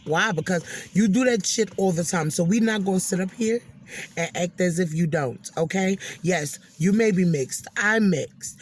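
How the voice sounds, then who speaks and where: On her commentary and reaction channel, a woman with a lowish voice lectures an absent person in opinionated social commentary. Her tone is emphatic and scolding, she repeats phrases for emphasis, and there is slight background noise.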